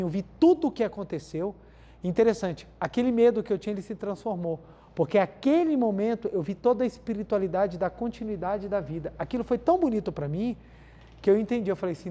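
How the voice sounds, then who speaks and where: Brazilian male spiritual lecturer, warm dark tone, talks to the crowd directly, restates his points. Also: high-pitched. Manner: keeps addressing the audience as "gente", repeats key phrases for emphasis. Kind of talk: spiritual talk with everyday anecdotes.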